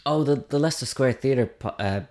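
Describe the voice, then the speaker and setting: A man's voice: medium pitch, fairly quick, darkish tone. A man, a stand-up comedian, chatting casually on a podcast in a hesitant, self-deprecating way, often trailing off mid-sentence.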